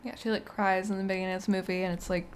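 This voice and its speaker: A woman co-hosting a podcast, chatting casually about movies in a soft, hedging way. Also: mid-range voice, little pitch movement, very fast, a little hiss or hum. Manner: soft-spoken, trails off, hedging. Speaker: podcast co-host. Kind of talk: casual movie review chat.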